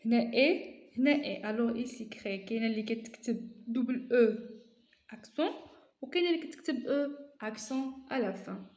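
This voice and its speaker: Woman teacher, Moroccan accent, patient step-by-step explainer, fairly high voice, roomy echo. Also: quick pace, darkish tone. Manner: explains step by step, repeating key terms. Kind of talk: explaining a lesson.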